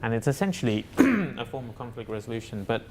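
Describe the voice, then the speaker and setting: Gravelly-voiced man, thoughtful and hesitant. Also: mid-range voice, very animated, brisk, a little hiss or hum. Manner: thoughtful, hesitant, many fillers and restarts. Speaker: facilitator, interview guest. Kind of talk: reflective conversational answer.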